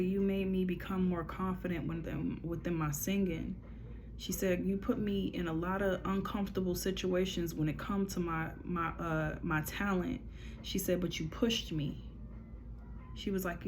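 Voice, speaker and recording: Woman medium with a low, gravelly voice, passing on messages informally, one "she said" after another. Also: darkish tone, a little hiss or hum. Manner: relays messages with repeated "she said", conversational and informal. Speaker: spiritual medium giving readings. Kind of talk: casual channeling monologue.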